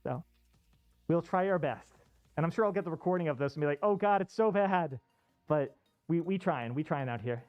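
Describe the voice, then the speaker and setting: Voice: mid-range voice, fairly quick, dry recording, soft background music. A streamer chatting casually and rambling informally, with a muffled voice as if covered by a costume head. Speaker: livestream host. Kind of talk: casual chat. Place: inside a fursuit costume head, indoors. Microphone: off-costume streaming microphone. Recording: muffled, dull sound from inside costume.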